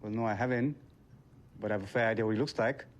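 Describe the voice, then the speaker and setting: A man's voice: fairly low pitch, fairly even intonation, quick pace, highs cut off, lightly acted. An actor playing a flustered young British pizza delivery man who keeps insisting, growing exasperated.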